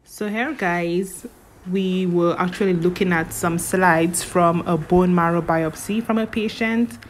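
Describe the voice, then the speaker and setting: A woman's voice: fairly low pitch, fairly even intonation, a little slow. Chatty young woman vlogging on a phone. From Saint Lucia. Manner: chatty, upbeat, says "literally" and "like" often. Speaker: medical student vlogger. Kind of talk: casual vlog chat. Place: stadium, kitchen, hospital hallway and lab. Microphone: phone camera at arm's length. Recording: phone vlog with clear background noise.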